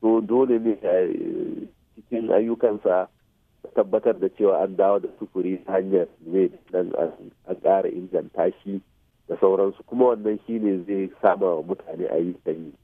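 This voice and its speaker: A Nigerian man with a Hausa accent, his deep, breathy-edged voice steady in tone and at normal speed, explains things as an expert radio guest using English technical terms. Short tag questions confirm the listener is following. The audio lacks room sound and is muffled and phone-like.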